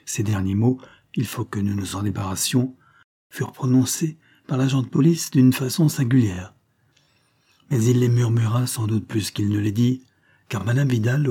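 A male audiobook narrator reading a classic novel at a steady, measured pace. His voice is low and dark, with a husky, slightly rough texture.

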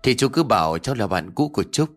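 A man's voice: medium pitch, very animated, fast talker, fairly bright tone, faint music behind. A man voicing a polite, earnest young village clerk who asks favors humbly. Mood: pleading.

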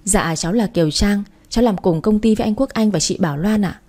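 A woman reading the part of a young mistress, politely deferential but defiant, in a mellow, dark voice. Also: mid-range voice, fast talker, natural voice.

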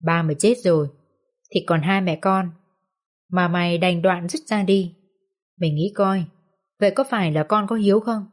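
A woman's voice: fairly low pitch, normal speed, pauses often, natural voice. Woman voicing a tender mother pleading. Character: grieving poor southern mother, soft-hearted.

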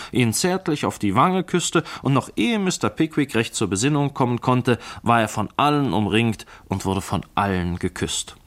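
A man reading a classic novel aloud as narrator, in a measured, clear storytelling manner. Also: medium pitch. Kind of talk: scripted literary reading.

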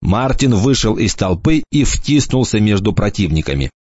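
A man reading an audiobook in a lively storytelling manner. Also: fairly low pitch, moderate pace, no room sound. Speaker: audiobook narrator. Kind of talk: scripted narration. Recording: dull lo-fi dry recording.

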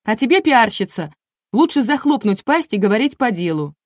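A woman's voice: mid-range voice, lively intonation, a little slow, a little mellow, no echo, studio quality, voice pushed up. A woman voicing an irritable, bossy female TV producer in an audiobook, snapping out orders. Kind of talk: audiobook reading.

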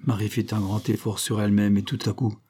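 A male audiobook narrator reading a classic novel in a measured, steady way. His voice is low and dark, with a husky texture. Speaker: audiobook reader.

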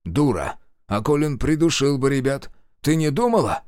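A man voicing a gruff, curt fifteen-year-old village sorcerer in an audiobook. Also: medium pitch, expressive, moderate pace, darkish tone, no room sound, studio quality, voice pushed up, lightly acted. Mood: angry. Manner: gruff, curt, rural dialect. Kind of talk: audiobook character voice.

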